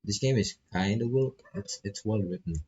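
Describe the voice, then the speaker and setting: Reading game text as he plays a visual novel on stream, this man, not a native English speaker, trips over phrases, repeats them, and drops casual asides. His pitch is fairly low, his speed normal, his tone warm and slightly rough, all captured through a dull, lo-fi mic.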